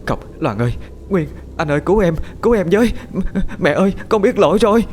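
A man's voice: high voice, sing-song, quick pace, a little mellow, a little hiss or hum, pitched above the performer's own voice. A man voicing a terrified, guilty middle-aged woman pleading in a spoken horror story. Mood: panic. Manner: panicked, trembling pleas.

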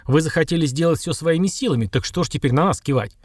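A man's voice: fairly high pitch, fast, a little mellow, no room sound, studio quality, close to an everyday voice. Man voicing a defensive grumbling male agent, audiobook. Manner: complaining, snorting, defensive.

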